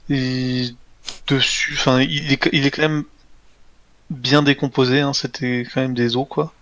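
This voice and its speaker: A man narrates as game master at mid pitch, easygoing and full of pauses and fillers. The sound is dry and close, with no room around it. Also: no echo, highs cut off. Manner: relaxed, hesitant with fillers. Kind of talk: running a tabletop game.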